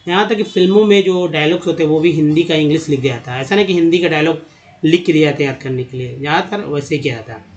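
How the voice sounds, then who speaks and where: A man teaching English pronunciation to viewers in Hindi, calling them friends and repeating sounds slowly to drill them. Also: on the high side, slight background noise. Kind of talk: explaining to viewers. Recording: dull lo-fi sound.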